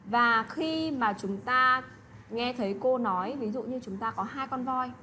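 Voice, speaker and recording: A woman's voice: a little high, measured pace, sharp tone, slight background noise. A woman teaching an English lesson to children, who keeps checking in with little tag questions. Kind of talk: online lesson explanation.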